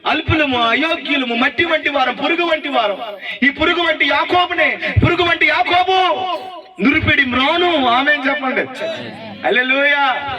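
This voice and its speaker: A man's voice: very high-pitched, moderate pace, recorded from a distance, crowd noise, low-quality recording. A male pastor preaching a sermon, calling on the congregation for amens and claps and firing rhetorical questions at them. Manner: exhorting, urges the congregation to say amen and clap. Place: church gathering with congregation.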